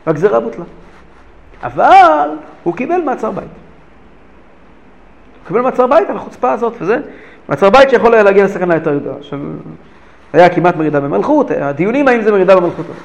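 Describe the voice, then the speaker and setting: Man, rabbi teacher, high voice, gravelly, animated storytelling. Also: long pauses. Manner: animated, repeating phrases for emphasis. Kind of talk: lesson storytelling.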